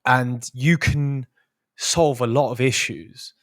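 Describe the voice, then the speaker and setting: Man co-host stressing words slowly. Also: mid-range voice, fairly even intonation, no echo, clean studio sound. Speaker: podcast co-host. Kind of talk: casual podcast chat.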